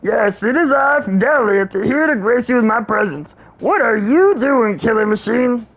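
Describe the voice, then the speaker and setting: Man putting on a high, gravelly, boastful plant monster from a dating game; grandiose and rival-obsessed. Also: expressive, normal speed, a bit bright, lo-fi sound, full character voice. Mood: pompous. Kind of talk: reading a dating game aloud.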